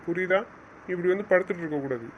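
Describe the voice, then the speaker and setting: A man's voice: sits high, rapid-fire, muffled recording, slight background noise. A man playing a stern husband in an audio drama, scolding and giving orders. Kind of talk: casual audio drama acting.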